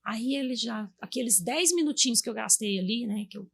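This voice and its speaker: This woman in her thirties has a fairly high, fairly quick voice that is creaky and slightly rough, with a Brazilian Portuguese accent. A guest in a casual chat, she warmly tells stories about her children and acts out what she said to them.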